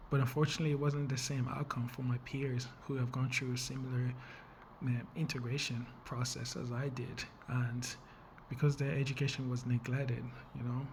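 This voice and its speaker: A young man from the Congo pitches his nonprofit in an earnest, measured way. His mid-pitched voice stays fairly level, with little rise and fall. A faint hiss of noise sits under the recording. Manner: earnest, measured, with fillers and small restarts. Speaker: nonprofit founder. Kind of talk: funding pitch video.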